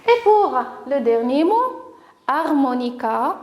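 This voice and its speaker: A woman with a Moroccan accent teaching a lesson to young children, speaking slowly and clearly, encouraging them and sounding out each syllable. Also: sits high, big pitch swings, darkish tone, reverberant. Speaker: primary school teacher.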